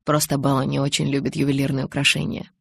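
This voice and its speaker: A woman playing a brooding young male vampire in an audiobook, lowering her voice into a quiet, clipped delivery. The tone is husky, recorded close and dry. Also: monotone, fast talker, dry recording, full character voice. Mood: curt, subdued. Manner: low, quiet, clipped and curt.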